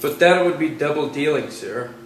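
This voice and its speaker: A man's voice: a little high, expressive, a little fast, lightly acted. A young man playing a witty, mocking jester in an amateur Shakespeare performance, with playful, punning delivery. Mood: teasing. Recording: echoey room, far from mic, noisy.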